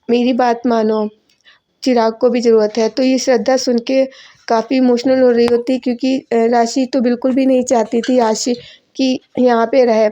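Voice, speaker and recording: Woman, voice-over host, casual episode recap, fairly high voice, mellow warm tone, reads out characters' lines plainly. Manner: retells scenes, voicing characters' lines as plain quotes. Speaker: channel host recapping a TV serial. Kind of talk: casual spoken recap narration. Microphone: voice-over recorded separately from the clips.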